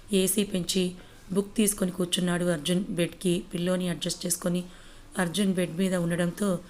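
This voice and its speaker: Woman storyteller, low and level delivery, steady audiobook narration. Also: a little hiss or hum.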